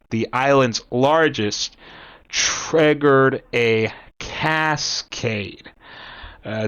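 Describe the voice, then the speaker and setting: Slow, halting Cuban-born man. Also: medium pitch, clear, resonant tone, muffled recording. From Cuba. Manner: rambling, halting, reads aloud from an article. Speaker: commentator. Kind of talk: casual talk to camera.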